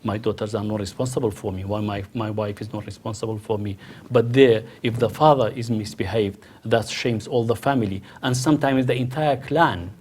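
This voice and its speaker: A man's voice: on the low side, fairly even intonation, fairly quick, hardly any pauses, a little mellow, slightly rough. A middle-aged man from the Kurdish region of Iraq, speaking as a panel guest in a hesitant way, with many restarts and fillers. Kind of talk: panel discussion.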